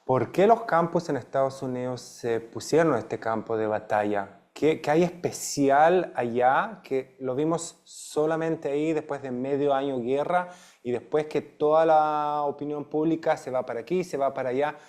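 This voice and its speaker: A man hosting an interview who asks questions in a halting way and often restarts his phrases. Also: a little high, darkish tone. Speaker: host, interviewer.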